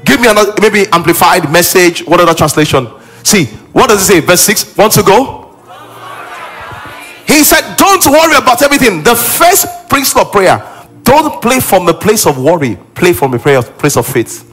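A man's voice: sits high, lively intonation, normal speed, a bit bright, breathy edge, soft background music. A male pastor preaching a sermon with emphasis, repeating key lines and acting out what people say.

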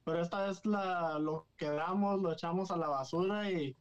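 A man's voice: high-pitched, moderate pace, clean tone, dull audio. A man, a guest telling stories casually in a mix of Spanish and English. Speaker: guest paranormal investigator. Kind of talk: casual bilingual storytelling.

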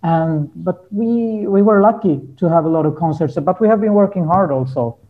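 A folk musician, interviewed in a casual conversation, speaks hesitantly in non-native English, searching for the right words. His voice is high and his pace moderate, and the sound is phone quality.

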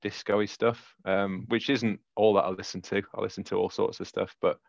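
Yorkshire man, low voice, chatty and giggly. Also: little pitch movement, normal speed, creaky, no echo, highs cut off. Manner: laughing, rambling with many fillers. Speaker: podcast co-host. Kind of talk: casual chat.

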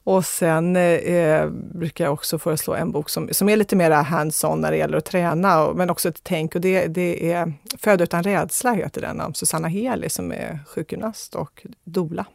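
A woman speaking as a guest expert, giving measured advice with frequent hesitations. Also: on the low side, steady tone, gravelly, darkish tone, no echo, studio quality. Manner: measured, advisory, with many fillers and restarts. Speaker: guest expert on fear of childbirth. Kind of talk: conversational radio interview.

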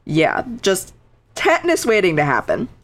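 A woman's voice: medium pitch, wildly swooping pitch, normal speed. A woman co-hosting a podcast, casually telling a true crime story with dry, sarcastic asides and lots of fillers.

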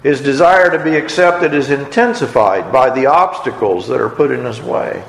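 A man's voice: mid-range voice, normal speed, gravelly, slight background noise. A man preaching a sermon, retelling a story and briefly acting out the characters' lines with expression. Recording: echoey hall.

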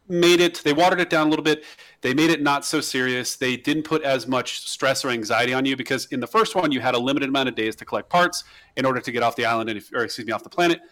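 Animated man ranting about games. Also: mid-range voice. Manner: animated, restarts words, ranting. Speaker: podcast co-host. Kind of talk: casual chat about video games.

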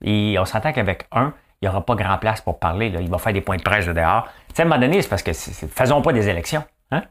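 A man with a Quebec French accent races through a lively, rambling comic monologue, his lowish voice crowded with fillers and repeated words.

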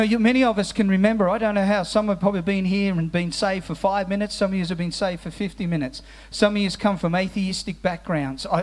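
High-voiced man preaching earnestly. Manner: earnest, repeats words as he restarts phrases; drops to slow, soft tones on solemn phrases. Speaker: pastor. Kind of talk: sermon. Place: church hall with musicians present.

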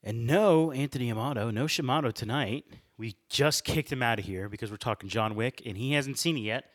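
A man's voice: medium pitch, fairly quick, a bit bright. A young man hosting a casual podcast chat with friends. He is upbeat and talkative and laughs often. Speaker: podcast host.

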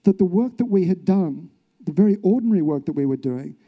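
A man's voice: high voice, expressive, brisk, phone-quality sound. An Australian journalist, a man, telling his own story in an earnest, reflective way, with rhetorical questions. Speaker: journalist, speaker. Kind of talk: recounted personal story, public talk.

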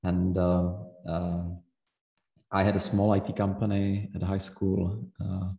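A man in his late thirties with a Czech accent, a podcast guest who talks in a measured way with many hesitant fillers. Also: deep voice, little pitch movement, warm tone. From Czech Republic. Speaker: guest entrepreneur. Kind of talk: podcast interview. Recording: roomy echo.

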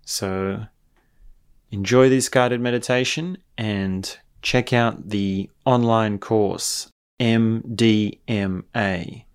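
A man speaking as a meditation teacher, giving calm, deliberate guided instruction. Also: fairly low pitch, clean tone. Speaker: meditation teacher introducing own course. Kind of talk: guided meditation and spoken introduction.

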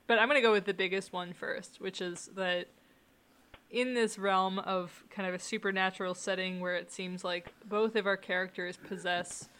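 A woman with a bright, crisp voice appears as a guest, chatting casually about a film. She complains in a wry, vivid way. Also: medium pitch. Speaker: special guest. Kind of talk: casual film review chat.

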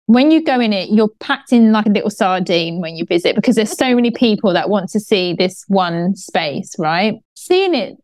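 A woman's voice: medium pitch, lively intonation, moderate pace, few pauses, a little mellow, dry recording. A woman co-hosting a chat podcast in a chatty manner, reading out quotes and laughing often. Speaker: podcast co-host. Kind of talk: casual chat.

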